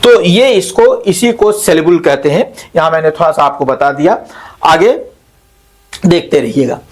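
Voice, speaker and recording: Male lecturer, high voice, deliberate pace, pauses and corrects himself while explaining. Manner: slow, explanatory, repeats terms and translates each into Hindi; frequent hesitation fillers and self-corrections. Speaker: English literature teacher. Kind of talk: classroom lecture mixing Hindi and English.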